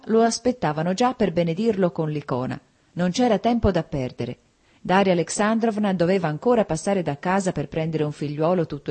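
A woman narrating a classic novel as an audiobook in a measured, steady way. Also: deep voice.

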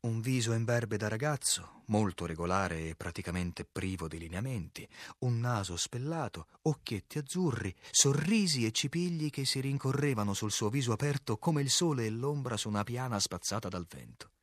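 A man narrating a novel as an audiobook, reading in a measured, clear way and acting out the quoted lines. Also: mid-range voice, lively intonation, dry recording, studio quality.

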